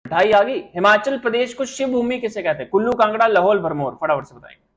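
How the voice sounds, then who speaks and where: Over a glitchy live stream mic with poor audio, a high-pitched, slightly bright exam coaching teacher runs a fast-paced online quiz class. He shoots out questions and calls students by name to praise or tease them.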